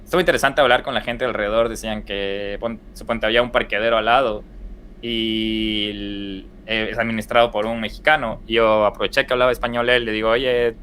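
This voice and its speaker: A man's voice: fairly low pitch, little pitch movement, a little fast, a bit bright, a little hiss or hum. A young man with an Ecuadorian accent, telling stories casually as a podcast guest and rambling through restarts and fillers. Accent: Ecuadorian Spanish. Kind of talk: casual storytelling in conversation.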